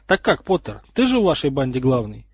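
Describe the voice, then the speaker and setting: A man's voice: medium pitch, sing-song, fairly quick, breathy edge, no room sound. A man reading aloud voices a bold, cheeky schoolgirl who teases the boys. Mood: teasing. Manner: cheeky, teasing.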